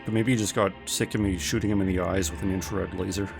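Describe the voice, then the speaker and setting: Low gravelly guy rambling to his stream chat, bit of music behind. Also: steady tone, quick pace. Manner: rambling, thinking aloud with many fillers. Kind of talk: casual post-game chat with viewers.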